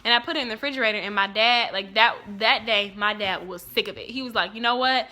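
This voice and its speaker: A woman's voice: mid-range voice, fast talker, bright, forceful tone. A young woman in her twenties, a cooking show host, telling a childhood story in a casual, chatty way full of fillers. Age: 20s.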